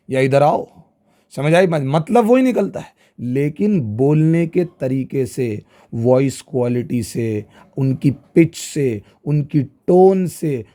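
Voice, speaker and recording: A man teaching a class, slow and stressed, often checking whether his students follow. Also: medium pitch. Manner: animated, keeps asking if students follow; slow, stressed delivery with acted examples. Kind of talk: classroom lecture.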